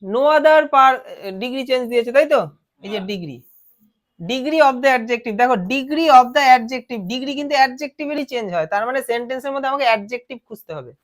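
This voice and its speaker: A woman's voice: high voice, lively intonation, brisk. A woman with a Bengali accent teaching a grammar lesson, explaining step by step and asking her students questions. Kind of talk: classroom lesson.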